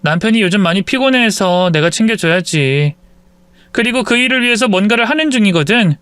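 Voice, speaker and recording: A coy young woman speaks in a high, lilting voice, as a male narrator puts her on. The sound is close and dry. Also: lively intonation, fairly quick, fairly bright tone, smooth, dry recording. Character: young woman, cheating daughter-in-law.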